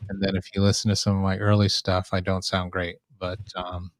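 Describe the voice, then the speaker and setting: A man's voice: deep voice, completely flat delivery, fairly quick, no echo. A man with a nasal voice, chatting casually as a live host, right up against the microphone. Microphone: microphone right up close.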